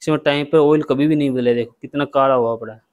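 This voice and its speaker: Flat-voiced mechanic explaining. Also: male voice, medium pitch, fast talker, phone-quality sound. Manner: plain step-by-step explaining, addresses viewers as friends. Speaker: bike mechanic. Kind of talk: workshop repair tutorial. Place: motorcycle repair workshop.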